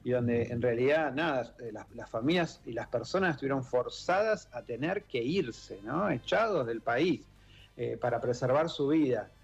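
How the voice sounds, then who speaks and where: Animated yet thoughtful, this man speaks at a moderate pace in a mid-range voice that is creaky and slightly rough, over dull audio and soft background music. A guest in a radio studio, he has a Rioplatense accent, was born in Italy and raised in Argentina, and is an author and exile-children group member who uses many fillers and restarts.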